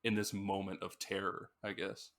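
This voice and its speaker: Man, podcast co-host, casual rambling chat, lowish voice. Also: flat delivery, moderate pace, a bit bright. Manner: rambling storyteller, acts out screams. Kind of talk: casual chat about music.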